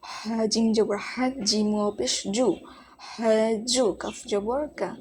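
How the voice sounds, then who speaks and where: A woman with a slightly high voice leads a Quran reading lesson at a very slow, deliberate pace. She names each letter and its vowel mark, then blends them into the whole word. Faint background hiss sits under her voice. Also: steady tone, a little mellow. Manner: spells letters and vowel marks one by one, then joins them. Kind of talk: slow spelling-out recitation lesson.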